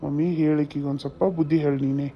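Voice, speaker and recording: A man's voice: fairly high pitch, flat delivery, rapid-fire, vocal fry, highs cut off, a little hiss or hum. A man playing a hesitant, newly married young son in a comedy skit, with a North Karnataka Kannada accent, pleading with his mother.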